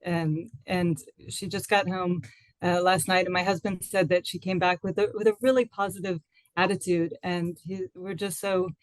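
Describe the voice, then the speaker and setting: A woman's voice: on the low side, fairly even intonation, moderate pace, no room sound, low-quality recording. A woman in her forties from the United States, speaking as an interview guest in a casual, thoughtful way, with frequent fillers and restarts.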